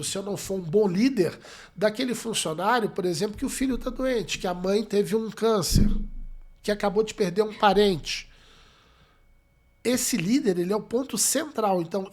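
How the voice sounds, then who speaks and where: A man from Brazil speaks in a notably high voice. He answers interview questions as a psychologist. He tells workplace anecdotes and voices each side of the conversation. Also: slightly rough. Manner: expressive storyteller, acts out quoted dialogue. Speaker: psychologist guest.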